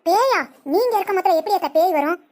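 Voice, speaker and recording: A woman's voice: extremely high pitch, lively intonation, quick pace, a little mellow, faint music behind. A woman voicing a sensible, dry-witted daughter-in-law in a cartoon, dismissive and matter-of-fact.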